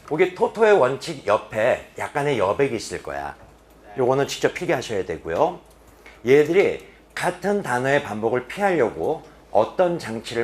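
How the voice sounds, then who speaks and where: A man teaching an English reading lecture in a classroom, asking his students questions and answering them himself. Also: medium pitch. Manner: animated, with sharp drops to quiet emphasis. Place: classroom at a boarding academy.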